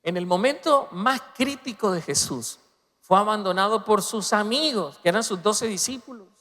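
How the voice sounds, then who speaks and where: A man preaching a sermon as pastor, swinging between loud emphatic peaks and soft, low passages. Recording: long reverb of a large hall.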